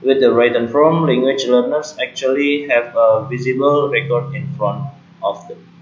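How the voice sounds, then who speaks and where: A man's voice: mid-range voice, fairly even intonation. A man giving a read class presentation as a student, speaking carefully and correcting himself now and then. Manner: slow, careful delivery with small self-corrections. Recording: roomy, dull lo-fi home recording.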